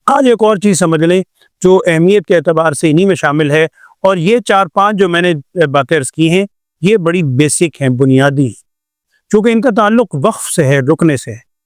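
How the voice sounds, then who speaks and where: A man's voice: a little high, no room sound, studio quality. An older man from Pakistan teaching Quran recitation in a patient classroom lecture, explaining with repeated examples and rhetorical questions.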